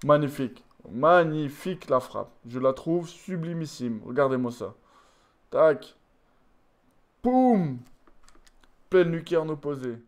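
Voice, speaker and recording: A tired man commentating his own football video game match, swinging from low muttering to shouted goal calls. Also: measured pace. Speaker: gaming YouTuber. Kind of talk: live gameplay commentary.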